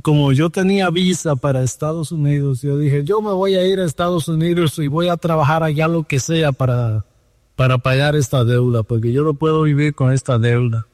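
A man's voice: on the high side, moderate pace, darkish tone, no echo, clean studio sound, big-room sound. A man with a Dominican accent, a guest telling his life story earnestly over a phone line. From Dominican Republic.

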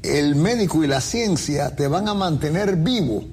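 Man preaching on a faith q&a show, kinda high voice, faint hum behind. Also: expressive, a little slow, a little mellow. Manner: preachy, uses everyday comparisons. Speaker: pastor co-host. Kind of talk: faith talk show answering questions.

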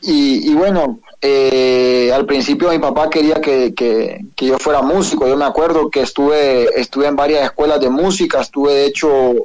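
A man's voice: mid-range voice, fairly even intonation, normal speed, hardly any pauses, darkish tone. A young man with a Honduran accent, a guest on a phone call, speaking hesitantly with many fillers and frequent religious phrases. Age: young adult. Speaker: guest, professional footballer. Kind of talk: phone interview.

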